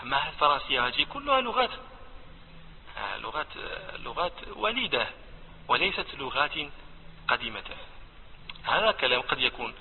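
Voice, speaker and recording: Moroccan teacher, fast, tinny phone-like sound with a long echo, tests the class with questions. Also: male voice, medium pitch, sing-song, slight background noise. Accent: Moroccan Arabic. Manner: explains by quizzing listeners. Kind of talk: classroom discussion.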